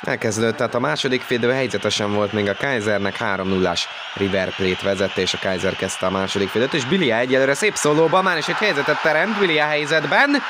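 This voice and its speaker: A man with a fairly low voice commentates a football video game live in an excitable manner. His pitch climbs when play heats up. Loud stadium ambience runs behind him throughout. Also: very noisy. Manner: excitable, voice jumps up on goals and chances.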